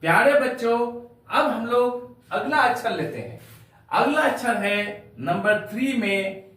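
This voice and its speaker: A man's voice: extremely high pitch, expressive, unhurried, fairly bright tone. A man teaching a spoken English lesson, spelling out words letter by letter and addressing viewers as dear children. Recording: echoey room, voice from far off the mic.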